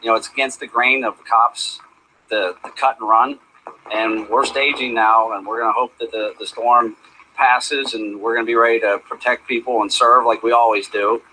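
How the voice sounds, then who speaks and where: A man's voice: mid-range voice, little pitch movement, normal speed, sharp tone. A middle-aged man, a police chief, answering questions in an on-scene interview in a noisy outdoor broadcast.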